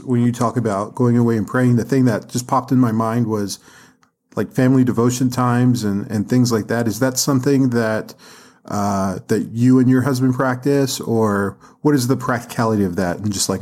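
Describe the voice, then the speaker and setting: A man's voice: medium pitch, normal speed, darkish tone. A man hosting a faith podcast, asking thoughtful questions and affirming his guest. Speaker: podcast host. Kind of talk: interviewing on faith and marriage.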